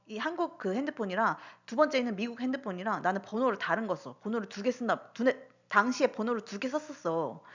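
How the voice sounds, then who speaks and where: A woman in her thirties casually recounting personal incidents in a monologue, full of rhetorical questions. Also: fairly high pitch. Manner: animated, lots of rhetorical questions and fillers. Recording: dull lo-fi recording.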